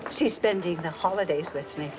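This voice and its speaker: A woman's voice: lowish voice, moderate pace, background noise, natural voice. An actress playing a sweet, timid older grandmother in a screen drama, hesitant and apologetic in her delivery. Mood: fond. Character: sweet, timid, doting grandmother shopping for a doll.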